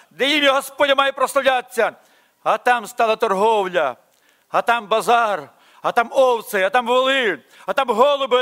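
A man's voice: very high-pitched, sharp tone. A man with a Ukrainian accent preaching a Sunday sermon to his congregation, fervent, full of rhetorical questions. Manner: preaching with rising fervor, repetitive rhetorical questions. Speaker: pastor.

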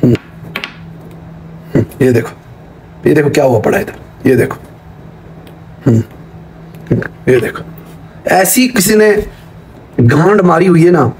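A man's voice: on the high side, expressive, long pauses, a little mellow, slight background noise. A middle-aged man, chatting casually on a live stream from his phone, rambling and muttering to himself as he fiddles with cables.

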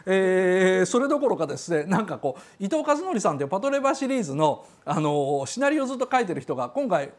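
A man's voice: high-pitched, sing-song, quick pace, few pauses. An older man giving a casual spoken critique as a commentator. He acts out quoted dialogue in raised voices and chuckles as he talks. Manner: chuckles while talking.

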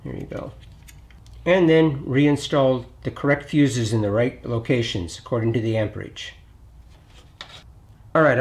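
A middle-aged man hosting a hands-on repair tutorial in his home garage, talking in a relaxed, plainspoken way as he works on an engine bay. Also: medium pitch. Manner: relaxed, plainspoken, thinks aloud while working. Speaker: DIY auto repair channel host.

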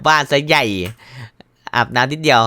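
A man giving casual let's-play commentary, joking about the game text and yelping and shouting at scares. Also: on the high side, moderate pace, background noise. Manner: excitable, yelps and shouts at scares; jokey, reads game text aloud with wry asides. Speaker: gaming YouTuber.

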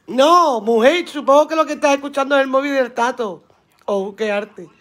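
A woman's voice: high-pitched, brisk. Chatty, earthy woman streaming live. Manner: chatty, earthy, swears casually, laughs often. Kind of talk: casual live-stream chat reading viewer comments aloud.

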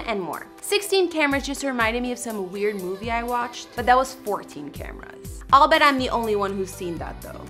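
A young woman narrates in a chatty, scripted voice-over, tossing in sarcastic asides as she goes. Her voice sits a little high, and soft music plays under her. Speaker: celebrity gossip host.

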